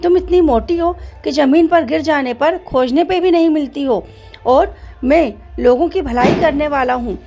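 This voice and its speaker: A woman's voice: high voice, moderate pace, mellow, highs cut off, soft background music, pitched above the performer's own voice. A woman voicing a proud, boastful boy who is a sewing thread in a children's story, bragging in a singsong way. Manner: boastful, singsong self-praise.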